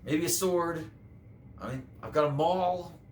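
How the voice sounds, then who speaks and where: A man's voice: on the high side, a little slow, a little mellow, natural voice. A man doing a whiny brute warrior. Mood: exasperated. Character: frustrated male warrior who just wants to fight. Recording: echoey room with faint noise.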